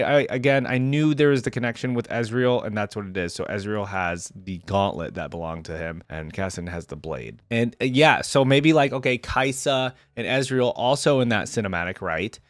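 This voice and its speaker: A man with a medium-pitched voice hosts a game lore reaction channel, commenting in a conversational, enthusiastic way and reading aloud as he goes. The recording is clean studio sound with no room sound.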